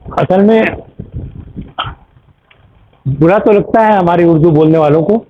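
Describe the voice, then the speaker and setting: A man's voice: high voice, unhurried. A man teaching an Arabic class, explaining grammar patiently with examples and checking that students follow. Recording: tinny phone-like recording.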